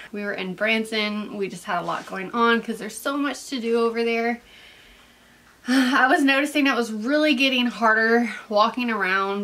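A young woman talks straight to camera in a casual vlog, her voice bright and a little sharp. She is out of breath and stuffed up from sinus allergies, and she rambles on with plenty of "like" fillers. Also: mid-range voice. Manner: chatty and rambling, full of "like" fillers. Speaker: vlogger. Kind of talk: casual pregnancy update vlog.

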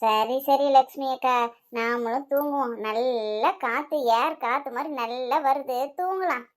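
A woman voicing several chatty village women in a cartoon, loud and bossy. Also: high voice, measured pace. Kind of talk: cartoon voice acting.

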